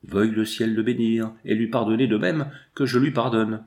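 A man voicing a gentle young princess who pleads tenderly for forgiveness in a storybook reading. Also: lowish voice, steady tone, normal speed, lightly acted. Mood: pleading.

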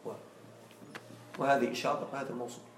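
A male teacher giving a classroom grammar lesson, regularly checking understanding with quick questions to his students. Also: medium pitch, little pitch movement, slight background noise. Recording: echoey room, far from mic.

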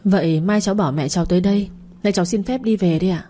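A woman's voice: mid-range voice, quick pace, dark tone, natural voice. A woman voicing a frightened, polite teenage schoolgirl who pleads. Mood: pleading.

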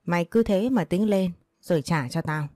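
Woman voicing a bullying old moneylender lady, blunt and rude, low dark tone, dry sound. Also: normal speed, no echo, close to an everyday voice. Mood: harsh. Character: harsh older village moneylender woman.

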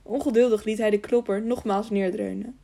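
A woman reading an audiobook aloud in an even storytelling manner. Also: mid-range voice, a little fast, vocal fry. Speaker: audiobook narrator. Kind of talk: scripted narration.

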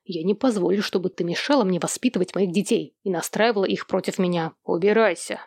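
A woman voicing a domineering middle-aged father in an audiobook, who speaks slowly and harshly. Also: mid-range voice, gravelly, darkish tone, husky, no echo, clean studio sound. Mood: furious. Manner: slow, lecturing, harsh.

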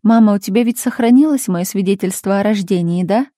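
A woman voicing a patient, insistent grown daughter who speaks calmly and firmly, in a storybook reading. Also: medium pitch, brisk, no room sound, clean studio sound, close to an everyday voice. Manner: calm, patient, pleading.

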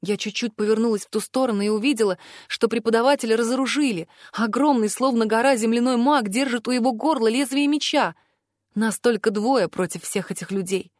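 High-voiced woman narrating an audiobook. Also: fairly quick, no room sound, studio quality. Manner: first-person storytelling, expressive. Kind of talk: scripted narration.

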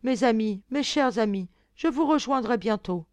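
A woman's voice: medium pitch, expressive, normal speed, darkish tone, no echo, lightly acted. A woman voicing an earnest young fairy-tale princess who pleads with emotion. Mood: pleading.

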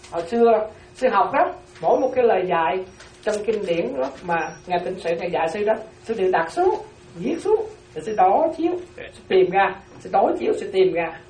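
A medium-pitched woman's voice belongs to a Buddhist nun teaching a class through a dharma talk, repeating key phrases and frequently asking whether her listeners follow. The mic is distant in a roomy space, with a little hiss or hum.

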